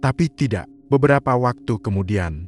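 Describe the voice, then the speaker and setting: Guy telling a creepy story, slow and hushed, mid pitch, faint music under it. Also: lively intonation. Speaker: horror story narrator. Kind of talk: scripted horror narration.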